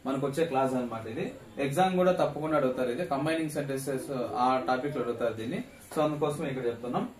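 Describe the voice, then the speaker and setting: A man teaching English grammar to a class, asking questions and repeating the key terms for students to echo back. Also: on the high side. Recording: echoey classroom, mic at a distance, faint noise.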